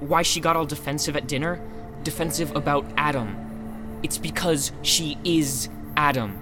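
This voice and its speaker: A man's voice: fairly high pitch, moderate pace, over music, natural voice. A man playing an anxious, hesitant teenage son who stammers, in an audio drama. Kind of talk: scripted audio drama acting.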